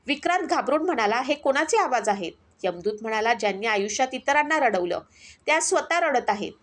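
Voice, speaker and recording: A woman narrating a dramatic mythological story, reading every character's lines herself and lifting her pitch a little for the speaking parts.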